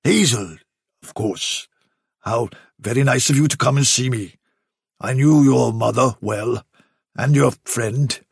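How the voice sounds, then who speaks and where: A man voices a storybook's elderly Chief Rabbit, whose mood is genial and vague. He is bumbling, courteous to a fault, and politely condescending, drawing out patronising phrases to evasively put off whoever he addresses. The voice is mid-range and slightly husky, closely recorded with studio quality and no echo.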